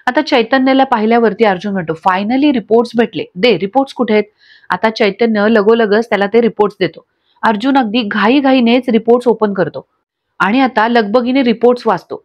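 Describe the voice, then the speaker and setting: A woman narrating a TV serial episode recap in a steady storytelling voice-over. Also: a little high, a little fast. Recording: dull lo-fi recording.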